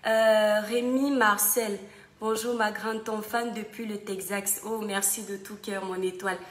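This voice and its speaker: A woman's voice: medium pitch, steady tone, a little slow. A woman hosting a casual live stream, greeting viewers by name and breaking into little bits of song. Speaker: livestream host. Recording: echoey room with music behind.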